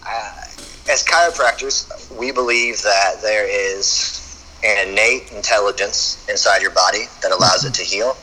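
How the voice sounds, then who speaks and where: A man's voice: on the low side, unhurried, bright, forceful tone, slight background noise, poor audio. A man, a chiropractor guest on a podcast, talking casually and often stumbling over repeated words as he starts a thought.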